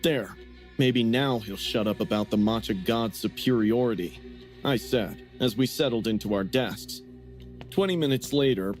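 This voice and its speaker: A man's voice: mid-range voice, darkish tone. Man narrating a story over music. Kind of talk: scripted narration.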